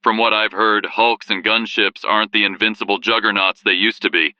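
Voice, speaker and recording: A man's voice: lowish voice, level tone, fairly quick, sharp tone, dry recording, muffled recording. A man playing a military news anchor, delivering a scripted wartime broadcast in a grave, rallying manner. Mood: serious, inquiring. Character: rousing male military war-bulletin anchor in sci-fi world. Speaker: bulletin host. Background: prominent background music.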